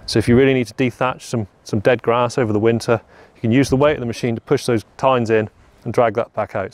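A man's voice: mid-range voice, darkish tone, no echo. A young man giving a plain, practical walkaround of a farm machine outdoors on a lawn, often repeating "very, very". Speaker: product presenter. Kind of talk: product walkaround demo.

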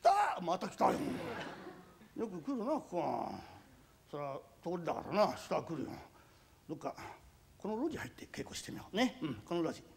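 Timid young master hawking wares, a man voicing him, high gravelly voice, rakugo. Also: huge pitch swings, slight background noise, heavily acted. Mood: rehearsing. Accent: Edo Tokyo. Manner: muttering to himself, stammering, drawn-out vendor cries. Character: naive disowned young master turned peddler. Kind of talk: rakugo storytelling.

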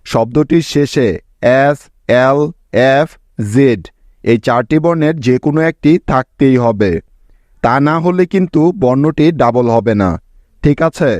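A man's voice: medium pitch, a little mellow, no echo. A man teaching English spelling rules in a scripted lesson, explaining step by step and often stopping to ask whether the listener has understood. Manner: explains slowly and asks frequent check-in questions.

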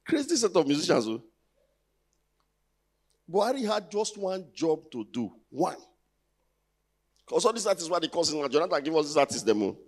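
Pausing often, this man speaks at a moderate pace in a fairly high, very animated voice. He's a thirtysomething Nigerian-accented comedian doing chatty, teasing stand-up on a big indoor theatre stage, asking the audience rhetorical questions over a handheld mic.

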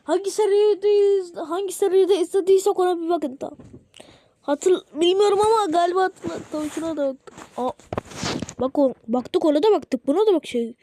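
A woman casually reacting to short videos, rambling and excitable, swearing often. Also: very high voice, moderate pace, slight background noise.

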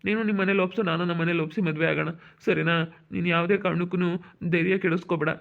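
A young man with a central Karnataka Kannada accent talks quickly in a fairly high voice, reassuring and repeating himself. The sound is thin and tinny, like a phone line. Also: fairly even intonation, gravelly. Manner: reassuring, repetitive, soothing. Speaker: vlogger. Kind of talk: emotional couple conversation.

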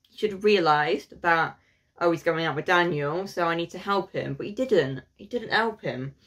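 A woman's voice: on the low side, moderate pace, fairly bright tone. A young woman gives casual reaction commentary from a small room, exclaiming and talking back to what she watches. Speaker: reaction video host. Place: small indoor room at a desk.

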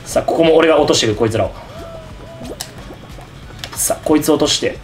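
A man hosting excited game commentary, yelling at his teammates and the game. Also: a little high, brisk, soft background music. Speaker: gaming channel host.

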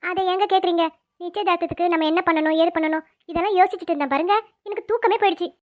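A woman's voice: extremely high pitch, steady tone, very fast, darkish tone, no room sound, studio quality. A woman voicing a worried, fretful middle-aged mother in a cartoon family drama. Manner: fretful, complaining.

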